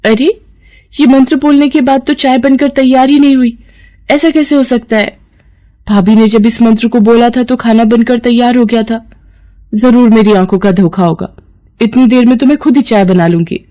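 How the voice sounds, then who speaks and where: A woman's voice: fairly high pitch, steady tone, normal speed, dark tone, voice pushed up, lightly acted. A young sister-in-law , voiced by a woman, asks one worried question after another. Her voice sits well above the storyteller's own, and she stays fretful and sorry for herself. It is cartoon voice acting. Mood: panicked. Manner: rising panicky questions.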